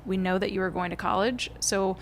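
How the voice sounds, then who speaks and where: A woman's voice: mid-range voice, steady tone, a little fast, slight background noise. A woman hosting a podcast, asking questions in a friendly way and laughing easily. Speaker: podcast host. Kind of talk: conversational interview.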